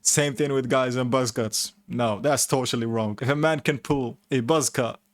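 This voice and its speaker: A man's voice: medium pitch, steady tone, moderate pace. Blunt, dismissive man hosting reactions. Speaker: reaction video host. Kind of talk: casual commentary.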